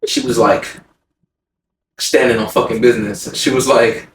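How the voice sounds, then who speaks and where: A man telling a story in casual podcast chat, swearing freely, his voice jumping much higher when he acts out his anger. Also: normal speed. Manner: animated, swearing, voice jumps high when retelling anger. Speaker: podcast co-host. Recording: roomy sound, mic a bit far, faint noise.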